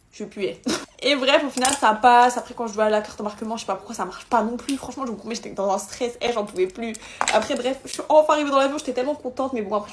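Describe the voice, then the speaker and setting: A young woman telling an exasperated storytime vlog, acting out the dialogue in an animated way. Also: fairly high pitch, a little hiss or hum. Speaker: vlogger.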